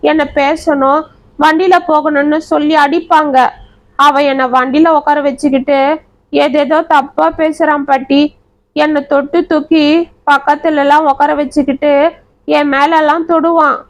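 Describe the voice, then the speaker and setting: A woman voicing a frightened young schoolgirl who speaks haltingly through tears. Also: sits high, pitched above the performer's own voice, close to an everyday voice, low-quality recording. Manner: hesitant, halting, tearful.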